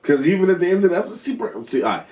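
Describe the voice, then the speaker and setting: A man's voice: high voice, big pitch swings, racing, a little mellow. A man co-hosting a TV review show, chatting casually, eagerly talking over his partner and calling him bro. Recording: roomy, distant from the mic.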